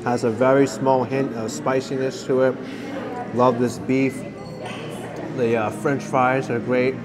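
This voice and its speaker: This casual food vlog features a man with a medium-pitched, fairly level voice speaking without hurry as he works through dish after dish at a roadside restaurant in a hot desert town. He savors each bite and comments enthusiastically while crowd noise fills the background.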